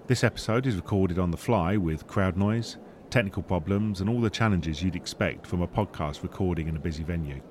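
Male podcast host, low register, scripted intro read, faint background noise. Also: brisk, darkish tone. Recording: faint busy venue noise.

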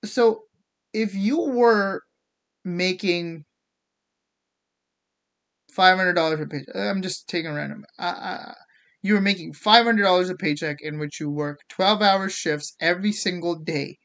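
Unhurried and punctuated by long pauses, the fairly bright, medium-pitched voice comes from the show's host, a speaker of unclear sex from India with an American accent showing Indian traces. They give a casual, opinionated rant, sarcastic and theatrical, swearing and acting out mock quotes.

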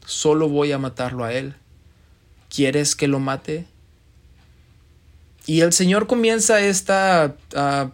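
A man preaching a sermon, telling a parable with dramatic pauses and voicing the characters in it. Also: a little high. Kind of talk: sermon storytelling.

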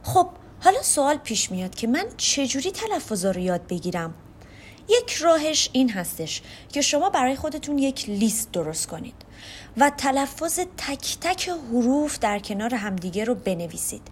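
Woman podcast teacher, highish animated voice, faint hiss behind, walks listeners through each step. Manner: explains step by step, addresses listeners as friends. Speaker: podcast host teaching French. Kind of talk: podcast lesson on pronunciation.

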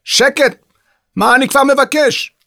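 A man voicing a grumpy, hard-of-hearing old composer who shouts irritably in a children's audio story. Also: medium pitch, fairly even intonation, slightly rough. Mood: furious.

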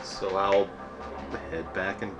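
A man's voice: low voice, little pitch movement, slow pace, music in the background. A man chatting casually as a player in a tabletop role-playing game.

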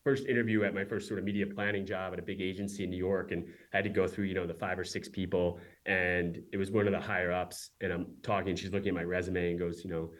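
A man in his forties, a company founder, talking casually as a guest and telling quick stories with many asides. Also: sits low, level tone. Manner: quick, chatty storyteller with many "right?" asides. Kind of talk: casual interview talk.

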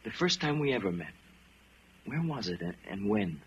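An actor playing a troubled, questioning fireman in a radio drama, earnest and halting. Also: on the low side, very animated. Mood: subdued, anxious. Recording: noisy, slightly dull radio drama recording.

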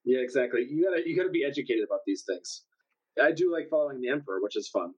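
A man's voice: mid-range voice, animated, quick pace, lo-fi sound. A man chatting casually with friends as a regular on a gaming podcast. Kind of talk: casual chat.

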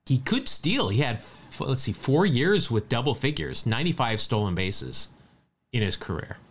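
A man's voice: medium pitch, normal speed. A man co-hosting a casual sports podcast, reeling off statistics with a light, chatty manner. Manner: lively, rattles off stats. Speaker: podcast co-host.

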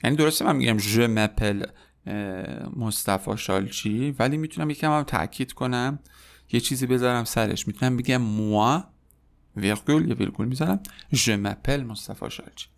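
A man in his thirties from Iran, a French teacher giving a podcast lesson, saying French phrases slowly and clearly and explaining them quickly in Persian. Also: mid-range voice. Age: 30s.

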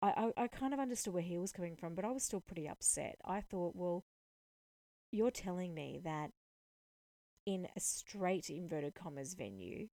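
A woman hosting a podcast, retelling a personal story in a lively, indignant way and voicing the dialogue. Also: on the low side, brisk, few pauses, dry recording. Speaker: podcast host. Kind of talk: storytelling monologue.

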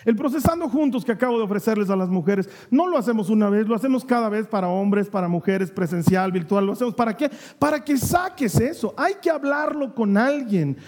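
A man's voice: high voice, lively intonation, fairly quick, hardly any pauses, darkish tone, big-room sound. A man preaching a sermon as pastor, earnest and conversational, often checking in with the congregation.

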